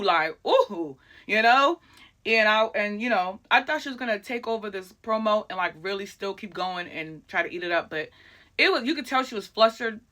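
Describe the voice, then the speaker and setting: A woman hosts a casual recap with a bright, forward tone. She talks in an excitable, chatty rush, packed with fillers and asides. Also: mid-range voice. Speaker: wrestling recap host.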